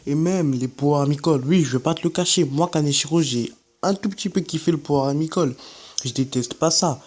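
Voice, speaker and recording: A teenage boy who runs an anime YouTube channel rants casually in a slangy vlog, speaking straight to his viewers. His fairly high voice is brisk and a bit dark in tone.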